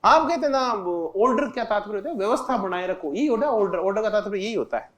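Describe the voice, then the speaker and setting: A man's voice: sits high, expressive, fast talker. Man teaching, quizzing his class aloud. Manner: asks the class questions and answers them himself; explains by repeating key terms with simple examples. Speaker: political science teacher. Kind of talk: exam-prep classroom lecture.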